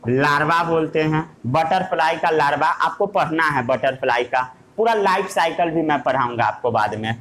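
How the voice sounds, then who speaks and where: A man's voice: a little high, moderate pace, few pauses, a bit bright, slight background noise. A man teaching a lesson, asking questions and answering them himself in a playful way. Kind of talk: classroom lesson.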